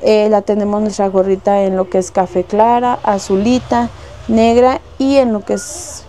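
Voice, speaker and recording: A Mexican woman who works in a shop walks through her goods indoors, casually quoting wholesale prices with many diminutives. Her mid-range voice is steady and warm at a moderate pace, and there's slight hiss or hum in the background.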